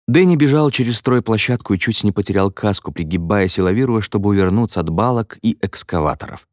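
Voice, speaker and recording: A man reading an audiobook in a measured, expressive way. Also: on the low side, no echo, studio quality. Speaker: audiobook narrator. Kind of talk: scripted narration.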